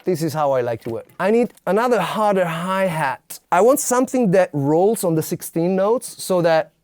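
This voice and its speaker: A music producer walks through a studio tutorial step by step, sometimes mouthing drum rhythms aloud as a drum machine and synths play beneath him. His high voice is animated and a little mellow at a moderate pace, with no room sound.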